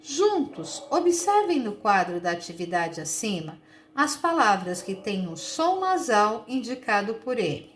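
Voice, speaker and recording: Patient, lively woman teacher. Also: medium pitch, a little hiss or hum. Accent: Brazilian Portuguese. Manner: slow, patient, sounds out words and stretches syllables. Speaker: primary school teacher. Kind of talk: recorded lesson for young children.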